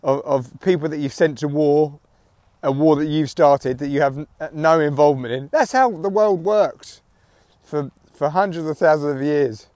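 A man's voice: on the high side, normal speed, darkish tone, dry recording. A middle-aged British man chatting casually and wryly, with swearing, recorded outdoors on a walk through headphones used as a mic near his neck. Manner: sweary, wry. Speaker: podcast host and comedian. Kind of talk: casual solo chat, rambling audio diary. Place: outdoors, walking in the evening.

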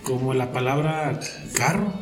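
A man with a northern Mexican border accent talks at a middling pitch. He chats casually as an agreeable co-host, echoing and repeating words. The sound is roomy and echoey, with faint music behind. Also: a little slow. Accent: northern Mexican border Spanish. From El Paso and Ciudad Juárez region. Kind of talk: casual chat.

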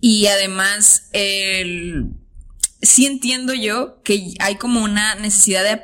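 Young woman from Tijuana, northern Mexican accent, interview guest; animated storyteller who acts out voices and laughs a lot. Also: medium pitch, slow. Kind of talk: casual interview chat.

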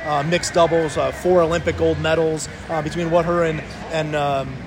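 A man co-hosting a casual sports talk show, speaking haltingly and often repeating words. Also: on the high side, flat delivery, background noise.

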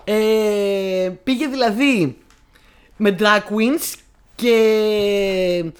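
A woman's voice: mid-range voice, smooth. A young woman co-hosting a casual film chat, talking in a chatty, hesitant way with many fillers. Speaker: co-host.

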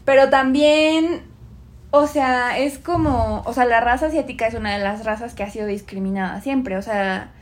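A woman's voice: fairly high pitch, moderate pace. A woman from Mexico with a Mexican accent in a casual chat, rambling with many fillers. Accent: Mexican Spanish.

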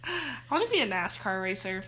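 A woman's voice: medium pitch, sing-song, brisk, fairly bright tone. A teenage girl co-hosting a casual podcast, giggly and rambling, saying "like" a lot. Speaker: podcast co-host. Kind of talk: casual chat.

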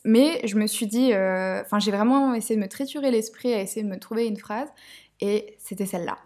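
A woman guest on a podcast talks at a mid pitch. She sounds upbeat and a little hesitant, and laughter breaks into her answers often. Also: a little fast, darkish tone. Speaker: podcast guest, art director. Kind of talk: casual podcast interview.

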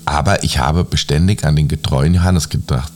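A man voicing a gentle fairy-tale queen, soft and sorrowful, in a bedtime reading. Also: very deep voice, steady tone, normal speed, faint music behind.

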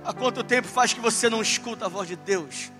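A man preaching a sermon as pastor, with passionate delivery that climbs to shouting. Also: sits high, brisk, music in the background. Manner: impassioned preaching, rising to shouts.

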